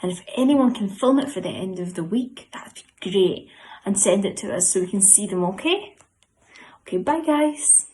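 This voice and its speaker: A young woman leads a children's group. She talks in an upbeat, coaxing way, sometimes hushing to a whisper. Her voice sits in a medium, everyday pitch. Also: animated, moderate pace, poor audio. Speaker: youth club leader. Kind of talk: leading a children's memory-verse session.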